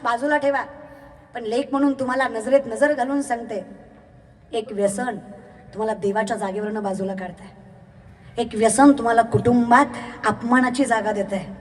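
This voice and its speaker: Young woman kirtan preacher, high voice, animated and teasing, long echo from a public-address system. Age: young adult. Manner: animated, mimics villagers, teasing. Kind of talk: devotional sermon with comic asides. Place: large outdoor ground.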